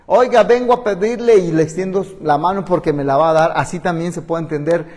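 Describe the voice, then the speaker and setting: A man with a Mexican Spanish accent delivers a sermon from the pulpit, earnest and full of restarts. His voice sits somewhat high, and he acts out desperate pleas. The sound trails off in a long church-hall reverb. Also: fairly even intonation, fast talker, darkish tone. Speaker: pastor.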